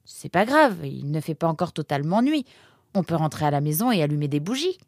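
A calm, courteous male forest animal from a storybook who speaks gently and keeps his cool, as a woman acts him out. The voice is soft and breathy with a lively rise and fall. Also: low-pitched, a little fast, no room sound, clean studio sound, full character voice. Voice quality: calm, polite. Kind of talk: storybook character voice.

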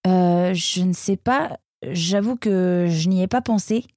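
A woman's voice: lowish voice, slow pace, darkish tone, no echo, clean studio sound, voice pushed up. Woman voicing a shy, polite young hero. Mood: timid polite. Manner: hesitant, polite.

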